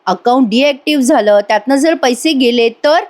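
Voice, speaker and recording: Woman doing a scheming young man, persuasive, higher voice. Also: normal speed, darkish tone, lightly acted. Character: son-in-law Sachin, scheming young man.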